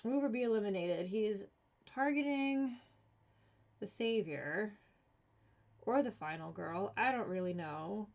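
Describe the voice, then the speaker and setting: A woman's voice: medium pitch, expressive, unhurried, long pauses, a little mellow. A woman streaming a solo board game, casually thinking aloud, counting cards and talking herself through the rules with mildly exasperated asides.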